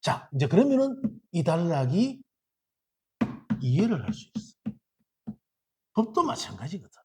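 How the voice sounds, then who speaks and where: A man with a Gyeongsang accent giving a Buddhist sermon in a dharma hall, lively and quizzing his listeners with rhetorical questions. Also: on the high side, a little slow, slightly rough. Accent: Gyeongsang Korean.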